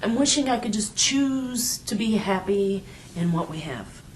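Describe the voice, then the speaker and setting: A woman's voice: mid-range voice, expressive, a little slow, a little hiss or hum, natural voice, rough recording. A woman playing a troubled, self-blaming wife in a couples therapy role play, tentative and plaintive.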